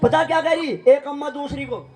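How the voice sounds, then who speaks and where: A man's voice: very high-pitched, normal speed, darkish tone, faint music behind. A man, joking and teasing a live audience from an outdoor village stage on a handheld mic. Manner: teasing, chatty, laughing between jokes. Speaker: folk stage performer.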